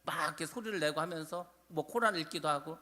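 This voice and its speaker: A man preaching in a church sanctuary, his voice carrying a long hall reverb. He sounds high and bright. He tells stories with animation and acts out the quoted speech. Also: fast talker. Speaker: pastor. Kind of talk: sermon.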